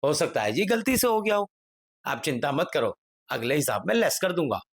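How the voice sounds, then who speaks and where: A man acts out a grocery shopkeeper who protests and then smooths things over. His slightly high voice leaps around as he wheedles and reassures. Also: big pitch swings, moderate pace, heavily acted. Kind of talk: Hindi family drama acting.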